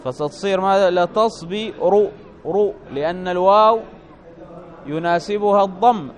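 A man teaching an Arabic grammar lesson to a class, asking questions and stretching out his examples. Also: high voice. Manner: questioning, drawn-out stresses on examples.

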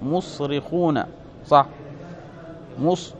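Man teaching grammar, slow deliberate explanations. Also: a little high. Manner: explains step by step, often checks with students; slows and stretches example words. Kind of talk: classroom grammar lesson. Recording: dull lo-fi classroom recording.

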